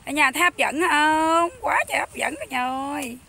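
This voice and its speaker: A loud, chatty young woman with a Mekong Delta accent, speaking straight to her viewers as she cooks. Her voice sits high and rings bright and sharp, pitched to carry over the noise of kids in a rural hut kitchen. A faint hum of background noise sits under her voice. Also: moderate pace. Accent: Southern Vietnamese, Mekong Delta. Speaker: cooking vlogger. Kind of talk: casual cooking vlog chat.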